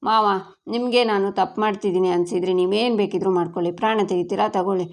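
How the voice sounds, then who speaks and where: A woman playing a resolute young man from a TV serial, refusing to back down. He speaks firmly and calmly at a middle pitch. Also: quick pace, close to an everyday voice. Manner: calm, firm, defiant.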